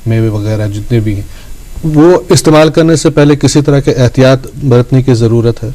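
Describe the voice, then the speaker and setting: A man's voice: mid-range voice, dark tone. A man with a Kashmiri accent hosting a morning TV interview, asking short questions. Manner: brief prompts and backchannel agreement. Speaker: TV show host. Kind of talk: studio interview. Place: TV studio.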